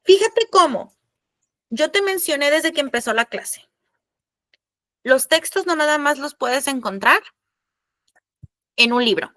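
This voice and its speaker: A woman's voice: on the high side, fairly bright tone, no echo. A woman teacher, explaining a lesson in an online class, chatty and addressing the students directly.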